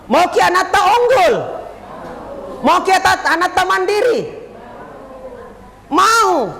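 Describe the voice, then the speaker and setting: A man preaches to parents in a joking, crowd-rousing way. His voice sits very high and has a gravelly rasp. It rings out with a long echo through a school hall. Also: sharp tone, slight background noise. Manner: jokey, addresses the audience directly, rallies the crowd. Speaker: Islamic teacher speaking at a parents' forum. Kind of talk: humorous preaching talk to parents.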